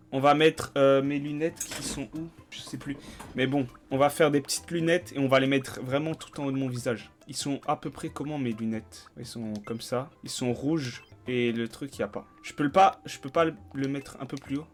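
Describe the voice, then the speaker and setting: A man's voice: medium pitch, moderate pace, soft background music. A young man streaming a game, chatting casually in slang and swearing freely. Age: young adult. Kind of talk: casual let's-play commentary.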